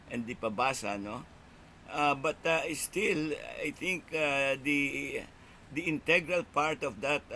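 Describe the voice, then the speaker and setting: Older man, slow halting speech, bright voice, video call from a small room, faint background noise. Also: fairly high pitch. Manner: halting, many "uh"s and tag "no?". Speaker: keynote speaker answering questions. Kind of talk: unscripted academic Q&A. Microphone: webcam on a video call.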